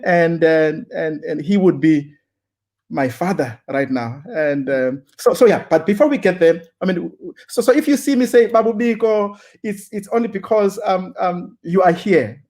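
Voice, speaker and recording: A man hosting an interview, speaking haltingly with frequent stammers and fillers. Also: sits high, darkish tone. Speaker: host. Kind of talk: interview conversation.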